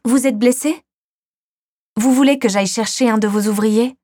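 A woman voicing a kind young girl who asks questions in an earnest, higher voice. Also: moderate pace, dark tone, no echo, clean studio sound, lightly acted. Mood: concerned. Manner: earnest, raised pitch when questioning.

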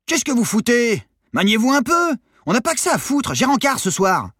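A man voicing a brash, foul-mouthed short teenage boy who talks loudly, cheekily and crudely in a storybook reading. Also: sits high, expressive, quick pace, no echo, studio quality, voice pushed up. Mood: yelling.

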